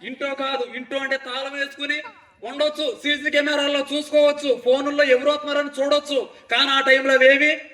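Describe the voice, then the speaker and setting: High bright-voiced guy preaching, keeps throwing questions at the crowd, sounds far off and roomy. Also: little pitch movement, brisk. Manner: fires rhetorical questions at the congregation, call-and-response. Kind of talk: revival sermon. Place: revival gospel meeting.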